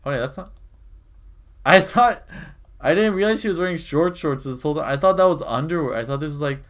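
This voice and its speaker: A young man streaming a game, making crude jokes and loud reactions in casual chat. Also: fairly high pitch, brisk. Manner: joking, crude, reacting loudly. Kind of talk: casual live game commentary. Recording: faint game music behind.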